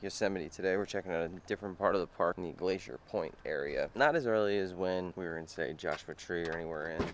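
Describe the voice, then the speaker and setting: A man's voice: low voice, quick pace, hardly any pauses, a little hiss or hum. A man in his thirties chatting casually while travel vlogging outdoors, blunt and swearing freely with dry jokes. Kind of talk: casual travel vlog chat. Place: outdoors on mountain trails and at a rental house.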